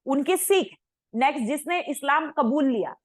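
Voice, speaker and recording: A woman with a noticeably high voice lectures to an online class. Her delivery is conversational rather than formal. She drops English terms into the middle of her explanations. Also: animated, normal speed, low-quality recording. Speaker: teacher. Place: coaching class.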